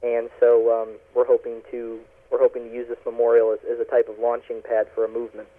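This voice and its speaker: A man's voice: medium pitch, completely flat delivery, quick pace. Man on a tinny radio phone line. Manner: earnest, explains step by step with many ums and uhs. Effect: voice heard over a radio phone line. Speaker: activist guest calling in. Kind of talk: talk radio phone interview.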